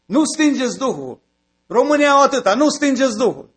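A man's voice: very high-pitched, sing-song, breathy edge. A man preaching a sermon, building to emphatic repeated phrases.

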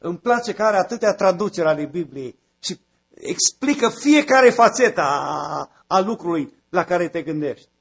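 Husky high-voiced man preaching. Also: lively intonation. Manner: builds to emphatic repeated phrases. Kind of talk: sermon.

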